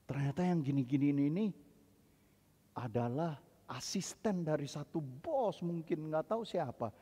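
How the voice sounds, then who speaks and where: A male pastor preaching a sermon, moving between quiet storytelling and loud, emphatic preaching. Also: fairly high pitch, lively intonation, a little slow, breathy edge. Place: large church hall. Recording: reverberant church hall.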